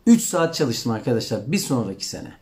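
A man speaking at a middle pitch on a live stream. He talks earnestly and reassuringly, like a teacher sharing his own story with exam candidates, and keeps addressing his viewers as friends. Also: very animated, a little fast, darkish tone. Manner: reads and answers viewer comments.

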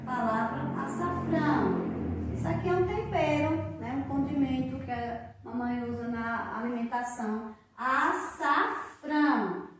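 A Brazilian woman teacher speaks in a high voice, slowly and patiently sounding out syllables for young children. The sound is very echoey. She is recorded from a distance. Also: noisy background. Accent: Brazilian Portuguese. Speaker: primary school teacher.

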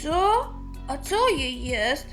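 A woman's voice: sits high, sing-song, extremely slow, faint music behind, full character voice. A woman voicing a young boy, a caring but awkward older brother who speaks hesitantly. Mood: concerned.

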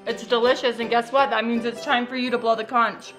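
A woman's voice: a little high, little pitch movement, brisk, fairly bright tone, faint music behind. A woman hosting a casual family vlog at home, playful and giggly. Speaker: vlog host. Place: home kitchen.

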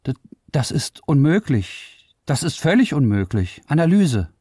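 A man's voice: medium pitch, sing-song, measured pace, mellow, breathy edge, no room sound, studio quality, voice pushed up. A man doing a flustered IT researcher. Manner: commanding, flustered. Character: bewildered male IT researcher.

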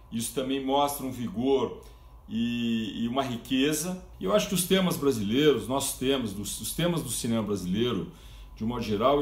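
Brazilian man 50s, interview answer, rephrases himself, echoey room. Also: mid-range voice. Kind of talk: interview testimonial. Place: indoor room.

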